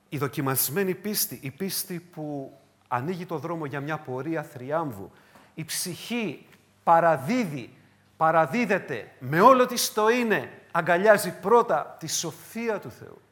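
A man preaching a sermon, swinging between loud cries and hushed low phrases, with repeated emphatic questions. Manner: repetitive, emphatic rhetorical questions.

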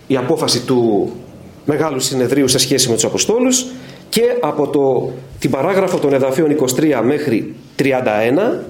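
A middle-aged man leads a Bible study sermon, and his pitch rises and falls as he tells stories and asks his listeners questions. His voice carries a roomy echo, with a faint hum of ambience behind it. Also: a little mellow. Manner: storytelling, quoting dialogue, questioning listeners. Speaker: evangelical preacher. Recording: echoey room with faint ambience.

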